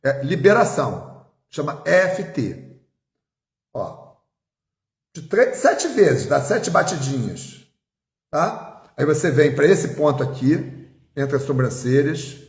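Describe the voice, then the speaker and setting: A male therapist leading a guided tapping exercise on a live stream, giving calm step-by-step instructions and slowly repeating affirmations. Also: on the high side, reverberant.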